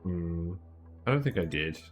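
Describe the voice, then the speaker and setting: A man's voice: low-pitched, expressive, a little slow. A man streaming a game and chatting casually, rambling and thinking aloud with fillers and little laughs. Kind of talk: casual gameplay commentary. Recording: faint background music.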